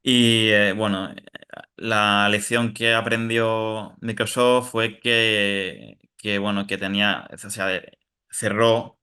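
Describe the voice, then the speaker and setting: In a clean recording, a low, sharp-toned male voice moves slowly through an informal tech webinar. The presenter, from Spain south of Madrid, uses everyday analogies and frequently tacks on "¿no?".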